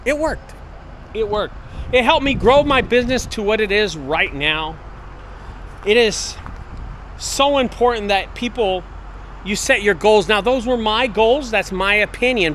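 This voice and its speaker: A man's voice: high-pitched, normal speed, a bit bright. A man in his late forties walking and talking through a warehouse, giving an earnest, repetitive motivational pep talk about goals. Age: 40s. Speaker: business owner vlogger. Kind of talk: casual walk-and-talk vlog. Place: outdoors and in a large empty warehouse. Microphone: wireless earbud mic, handheld camera. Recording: faint outdoor noise.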